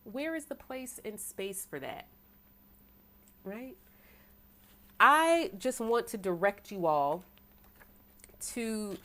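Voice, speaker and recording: An American tarot reader delivers a preachy sermon to an online audience, describing her own voice as deep, though its tone comes across fairly bright. She's rhetorical, often asking "right?", and breaks into bursts of fast talk.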